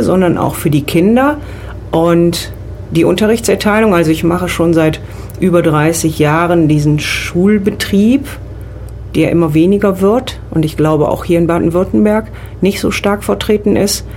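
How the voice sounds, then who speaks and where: A riding instructor from the Rhineland, middle-aged and speaking with a Rhineland German accent, fields questions as a radio studio guest. Her lowish, somewhat mellow voice moves at a moderate pace as she explains step by step with fillers; a little hiss or hum is audible.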